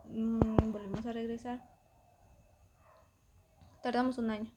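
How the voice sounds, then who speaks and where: A young woman with a Mexican Spanish accent, casually telling a story to a friend, animated, laughing often and acting out the voices of the people in it. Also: fairly high pitch, takes it slowly, very noisy.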